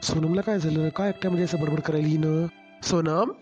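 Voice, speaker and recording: A man's voice: fairly high pitch, fairly even intonation, a little fast, darkish tone, dull audio, faint music behind, lightly acted. A man voicing a caring young husband in a cartoon story, coaxing and concerned in a Marathwada Marathi accent. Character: caring office-going young husband, gentle.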